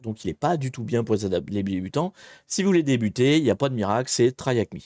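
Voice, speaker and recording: A man's voice: mid-range voice, animated, fast, darkish tone, no echo, clean studio sound. A man hosting a casual live-stream hacking tutorial, chatty and self-deprecating, greeting viewers and hesitating often. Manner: chatty, rambling, many hesitations.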